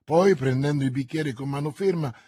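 A man narrating a classic novel as an audiobook, in a measured, dramatic storytelling manner. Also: mid-range voice, mellow, slightly rough, no room sound.

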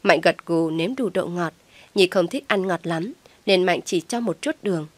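Female audiobook narrator, lowish voice, steady read, dry close sound. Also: normal speed, no room sound. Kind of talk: scripted story narration.

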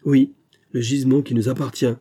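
A man's voice: mid-range voice, flat delivery, a little fast, mellow, husky, pitched above the performer's own voice. A man reading an audiobook and voicing a resolute engineer who answers in firm, clipped replies. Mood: defiant. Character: calm, resolute adult male engineer.

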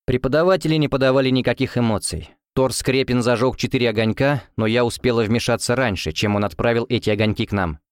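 A man narrating a fantasy novel as an audiobook reader, in an even, measured storytelling manner. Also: medium pitch, smooth, dry recording. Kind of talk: scripted narration. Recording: dry close recording.

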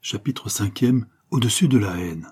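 A man narrating an old serial novel as an audiobook, in a measured, steady delivery. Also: lowish voice, husky. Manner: measured, slow chapter headings.

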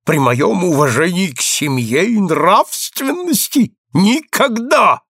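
A prim, self-righteous businessman who turns indignant and wailing, as a man reading the story acts him out. His voice sits somewhat high with a gravelly texture. The recording is dry and close. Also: sing-song, slow pace, a bit bright, no room sound, full character voice. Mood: panicked.

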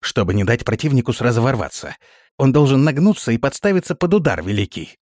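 A man's voice: mid-range voice, sing-song, fast, a little mellow, no room sound, studio quality, pitched above the performer's own voice. A man voicing a formal, rule-bound palace guard officer who speaks steadily. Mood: dutiful, formal. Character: dutiful, stiff male palace guard officer.

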